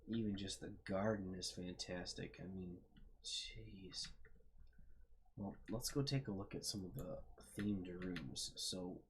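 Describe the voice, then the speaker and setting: Slow and low, with a faint hiss or hum in the background, a young man talks through a game in a casual let's-play. He reads text aloud and muses as he explores, trailing off thoughtfully with fillers.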